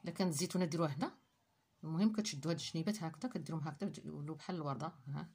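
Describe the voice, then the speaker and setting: A woman's voice: low-pitched, very fast, darkish tone, breathy edge. A woman with a Moroccan Arabic accent talks viewers through a recipe step by step in short phrases while she works. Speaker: cooking channel host. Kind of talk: step-by-step cooking demonstration.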